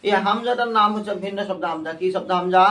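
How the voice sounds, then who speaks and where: High-voiced man teaching a Quran class. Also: very fast, crowd noise. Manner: drills students with repeated questions. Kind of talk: call-and-response class lesson.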